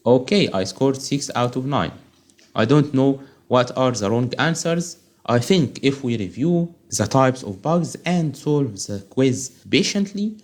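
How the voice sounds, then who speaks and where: This man's medium-pitched voice has a slightly mellow quality. He's an online instructor, a native Arabic speaker with an Arabic accent, guiding a casual step-by-step screen tutorial and often checking in with "okay?"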